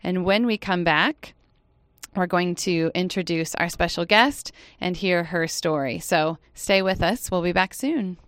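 A woman hosting a campus radio hour from a studio, chatting in a lively way and laughing often. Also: fairly low pitch, a little slow, clean tone, no room sound. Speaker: radio show host. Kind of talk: casual campus radio chat.

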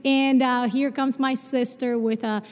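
A woman's voice: high-pitched, little pitch movement, a little slow, a little mellow. A woman from Argentina with a Spanish and Portuguese accent, giving a sermon in a large chapel and telling stories with self-deprecating humor. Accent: Spanish and Portuguese mix. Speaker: chapel speaker. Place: large chapel, live service. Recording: long reverb of a large chapel.

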